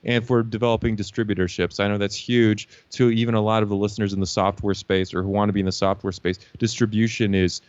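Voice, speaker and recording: A young man from Lithuania tells his story as an interview guest, confident and fluent, peppering his talk with "you know." His voice sits a little low. The recording is dry and somewhat dull, like a lo-fi line. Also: level tone, fast, hardly any pauses, no echo. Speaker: guest, LinkedIn marketing consultant.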